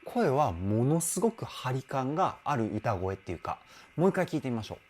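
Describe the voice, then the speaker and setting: A man's voice: mid-range voice, very animated, a little fast, background noise. A man working as a vocal coach, giving enthusiastic commentary that analyses a song's vocals and demonstrating sounds with his own voice.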